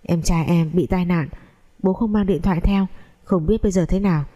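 A woman's voice: lowish voice, moderate pace, mellow, dull audio, lightly acted. A woman voicing a worried young woman, an older sister who talks in an anxious, pleading way.

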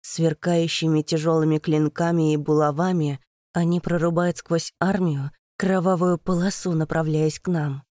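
A woman's voice: low voice, dark tone, no echo, studio quality. A woman narrating a first-person fantasy audiobook in a tense, dramatic reading.

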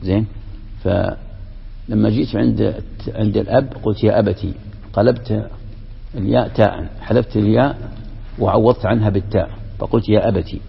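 Gravelly husky sheikh teaching. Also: male voice, fairly low pitch, fairly even intonation, moderate pace, pauses often. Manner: explains step by step, poses questions to students. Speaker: sheikh teaching Quran commentary. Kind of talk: classroom lesson on scripture and grammar. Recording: dull lo-fi recording with long hall reverb.

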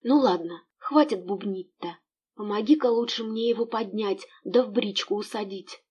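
A woman reading the part of a caring young gentlewoman who fusses and scolds her coachman. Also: medium pitch, normal speed, slightly rough, lo-fi sound, natural voice. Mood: scolding. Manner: emotional, bossy toward servant.

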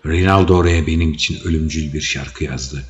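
A man's voice: rumbling low, fairly even intonation, a little fast, long reverb tail. A man voicing a wounded, battle-hardened barbarian king who speaks in terse growls. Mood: commanding. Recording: dull audio with faint music.

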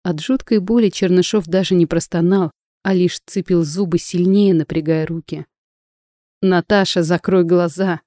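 A woman narrating an audiobook with steady, dramatic storytelling. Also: on the low side, moderate pace, dry recording, studio quality. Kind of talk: scripted narration.

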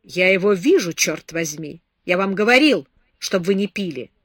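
Brief: woman doing a stern, mocking grown man, sharp and lecturing, loud and dry. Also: fairly low pitch, expressive, moderate pace, no echo. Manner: harsh, sarcastic, lecturing. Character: stern scornful man scolding a drunk girl.

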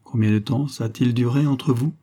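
A man voicing a jealous young husband in an audiobook, questioning in a sneering, cold, flat way. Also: medium pitch, normal speed, lightly acted. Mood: pressing.

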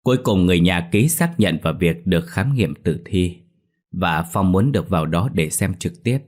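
Deep-voiced man narrating a ghost story. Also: expressive, normal speed, a little mellow.

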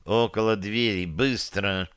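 A man's voice: lowish voice, fairly even intonation, a little slow, fairly bright tone, smooth, dry recording, studio quality. A man reading an audiobook voices a sly young necromancer who coos in mock tenderness. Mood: hushed.

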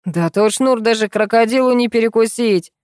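A woman voicing a coarse, furious man who yells and swears, reading a story aloud. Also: mid-range voice, lively intonation, normal speed, dry recording, clean studio sound, natural voice. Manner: yelling, swearing, explosive.

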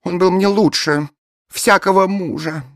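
A man's voice: sits high, fairly even intonation, unhurried, fairly bright tone, no room sound, clean studio sound, pitched above the performer's own voice. A man voicing a proud, melodramatic woman who shrieks her lines in an audiobook reading. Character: shrill, proud, loud bleached-blonde woman.

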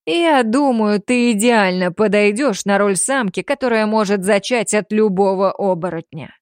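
A woman voicing a ruthless male werewolf clan alpha in an audiobook, barking threats slowly and loudly. Her delivery is drawn out and domineering. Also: mid-range voice, dry recording, clean studio sound, natural voice. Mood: menacing. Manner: barking, threatening, slow and loud. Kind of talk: audiobook character voice.

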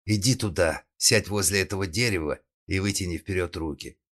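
A man voicing a nervous young technician holding someone at gunpoint, giving curt orders and breaking into shrill outbursts. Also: fairly quick, a bit bright. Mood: commanding.

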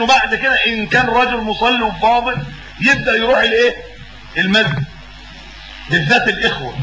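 A man with an Egyptian accent teaches a religious lesson in a quick, high, strongly bright voice. He sets up rhetorical questions and then answers them, hammering words by repeating them. The room sounds echoey, with faint ambience underneath. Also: a little hiss or hum. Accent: Egyptian Arabic. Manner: asks questions and fills in the answer himself. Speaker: preacher.

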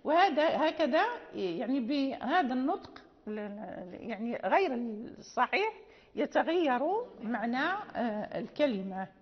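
A woman teaching Quran recitation and tajweed, explaining slowly with pauses and recited examples. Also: a little high, very animated, long reverb tail, highs cut off. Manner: slow, careful explanation with many pauses and check-ins. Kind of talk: classroom lecture with recited examples.

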